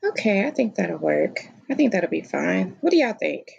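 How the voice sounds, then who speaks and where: A woman's voice: medium pitch, big pitch swings, normal speed, gravelly, a little mellow, breathy edge, lo-fi sound. Playful Southern woman on a laptop mic. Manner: playful, silly, informal. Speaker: livestream host and author. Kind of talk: casual livestream chat. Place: room at home, seated on beanbag. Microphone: laptop's built-in mic, no plugged-in microphone. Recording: laptop built-in microphone.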